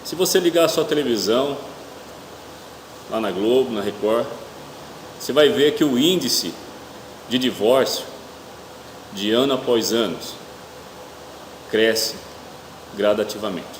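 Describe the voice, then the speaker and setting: A middle-aged Brazilian man preaching a church sermon haltingly, his speech slightly hampered by a toothache, often posing rhetorical questions. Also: mid-range voice. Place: indoor church hall with noisy ambience. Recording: echoey reverberant hall, clear room hum.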